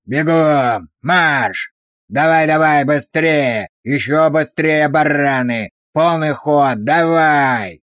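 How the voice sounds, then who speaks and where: A man voicing a brutal, abusive male drill sergeant who barks insults with slow, hammering emphasis. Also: on the high side, fairly bright tone, no echo, clean studio sound. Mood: commanding.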